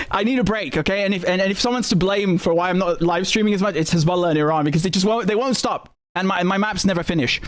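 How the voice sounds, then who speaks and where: A man hosting a live stream, talking through current events in a casual, animated and sardonic way, often repeating words and swearing. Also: high voice.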